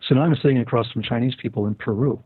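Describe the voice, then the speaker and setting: A man's voice: mid-range voice, rapid-fire, slightly rough, dry recording. An older man talking as a guest, telling stories at length with many fillers and restarts. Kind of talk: casual interview talk. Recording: tinny phone-line sound.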